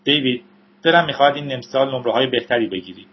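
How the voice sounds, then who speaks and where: A man voicing an impatient middle-aged father who calls to his teenage son, in a husky voice, raised and insistent, on a dull lo-fi audiobook recording. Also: mid-range voice, close to an everyday voice. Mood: stern.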